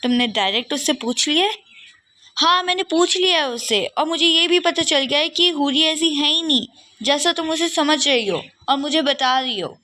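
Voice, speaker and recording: A woman voicing a young female student who is sharp, suspicious and snappy in a doll game role-play. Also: high-pitched, moderate pace. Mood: annoyed. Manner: indignant, snappy retorts.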